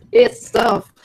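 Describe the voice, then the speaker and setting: An Australian woman in casual chat, laughing often, her voice robotic and underwater from a low sample rate call mic. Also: a little mellow, slight background noise. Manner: laughs often, quick short replies. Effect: robotic, underwater-sounding low sample rate mic. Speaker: livestream co-host. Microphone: glitchy computer mic on a video call.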